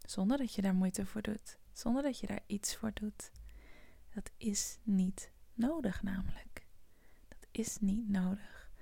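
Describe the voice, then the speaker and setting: A woman hosting a guided morning meditation podcast, speaking in a soft, whispery, soothing way. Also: medium pitch, creaky, slightly rough, dry recording.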